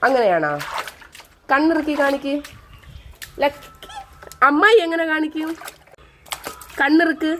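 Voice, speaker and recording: A woman's voice: high voice, unhurried, long pauses, a little hiss or hum. A mother in a home vlog, coaxing her small child with playful sing-song baby talk and questions.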